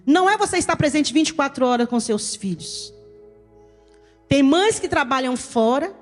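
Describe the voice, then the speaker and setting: A woman pastor with a Brazilian accent, preaching an emphatic sermon and addressing her listeners as "querido". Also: high voice. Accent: Brazilian Portuguese. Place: church hall. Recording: reverberant church hall with soft music.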